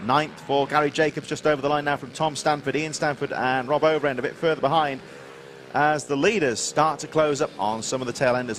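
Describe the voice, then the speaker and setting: A man's voice: medium pitch, a bit bright. A man giving live motorsport commentary as race commentator, reeling off rider names and running order. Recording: noisy outdoor trackside sound. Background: vehicle and outdoor track noise.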